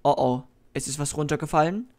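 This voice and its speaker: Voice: medium pitch, a little fast, darkish tone, a little hiss or hum. Jumpy slang-heavy horror gamer. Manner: jumpy, easily startled, swears and uses youth slang; talks directly to viewers. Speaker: gaming YouTuber. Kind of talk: horror game let's play commentary.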